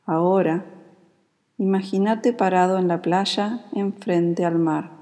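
Guiding a yoga nidra meditation, this woman speaks in a lowish voice with a Rioplatense Spanish accent. Her delivery is soothing, calm and never rushed, and a long echo like that of a large hall hangs over the recording.

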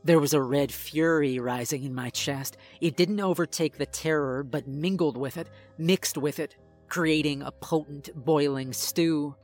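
A man reading a first-person horror story in a tense, measured way. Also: fairly high pitch, fairly even intonation, darkish tone. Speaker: narrator. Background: faint music.

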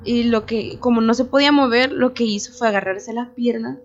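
Young woman, higher voice, casual storytelling, animated fillers, dull lo-fi sound, faint music underneath. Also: brisk. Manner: animated, many fillers like "o sea". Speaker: radio show team member telling a story.

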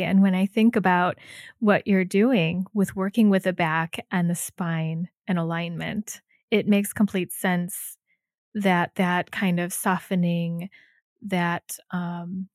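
A woman podcast host asking gentle questions and affirming her guest. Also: on the low side, no echo, clean studio sound. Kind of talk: interview hosting.

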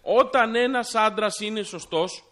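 A man's voice: high-pitched, a bit bright. A man co-hosting a podcast, reading listener messages aloud with a patient, dry manner in casual banter. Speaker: podcast co-host. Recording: faint music underneath.

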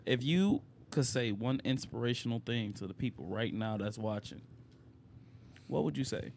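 A man's voice: medium pitch, expressive, normal speed, creaky, darkish tone, slight background noise. A man in his twenties hosting a casual podcast, laid-back and slangy as he steers the talk. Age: 20s. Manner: laid-back, wraps up the show, slang-heavy. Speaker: podcast host. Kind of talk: casual chat.

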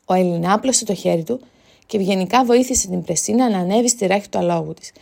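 A woman reads her own teen novel aloud. Her narration is steady and measured, mid-pitched, with a gravelly edge. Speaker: author reading her book. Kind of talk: scripted storybook narration.

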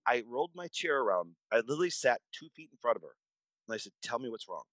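A male doctor in his forties, guesting on a podcast, tells stories in a conversational interview with big swings in his medium-pitched, fairly bright voice and a quick pace. He is emphatic, repetitive and prone to restarting sentences. Poor audio, no room sound.

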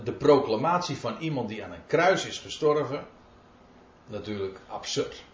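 A man's voice: medium pitch, a little hiss or hum. A man preaching a sermon, reading out scripture verses and explaining them emphatically. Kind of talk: sermon, Bible exposition. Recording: roomy, dull lo-fi recording.

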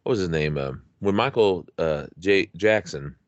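A man's voice: sits low, expressive, normal speed, no room sound, muffled recording. A man co-hosting a podcast, chatting casually and nostalgically, rambling with many restarts. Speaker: podcast co-host.

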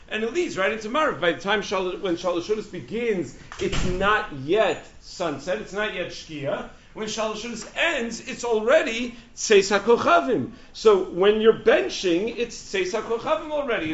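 A high-voiced man delivers a religious law lesson like a rabbi talking to his students. He keeps it conversational, asking questions, repeating them and answering them himself. The recording is slightly dull and lo-fi. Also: echoey room. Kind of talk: religious lesson with quoted sources. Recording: dull, lo-fi sound.

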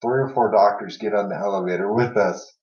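Low-voiced and steady, a young man co-hosting a laid-back podcast tells rambling, filler-heavy stories and laughs through the funny parts, speaking briskly with a slightly mellow tone. He's far from the mic in a roomy space, and the sound is dull and lo-fi.

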